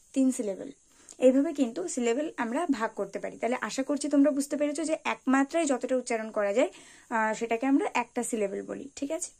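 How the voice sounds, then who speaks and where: A woman's voice: high-pitched, creaky, mellow. A woman teaching an English lesson for beginners, carefully spelling out example words one by one. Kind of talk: explanatory tutorial lesson.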